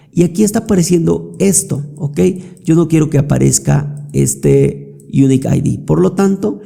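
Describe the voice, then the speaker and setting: A man walking through a software tutorial step by step, checking in often with quick questions to the viewer. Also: a little high, gravelly. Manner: explanatory, frequent check-ins like "¿ok?" and "¿listo?". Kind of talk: screen-recorded software tutorial.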